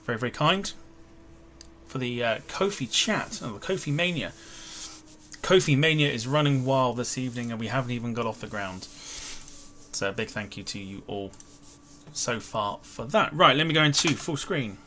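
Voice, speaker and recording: A man's voice: mid-range voice, lively intonation, normal speed, pushed and bright. A man hosting a flight sim livestream in casual, informal chat, talking to his viewers. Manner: chatty, informal, greeting viewers by name. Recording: livestream with clear background noise.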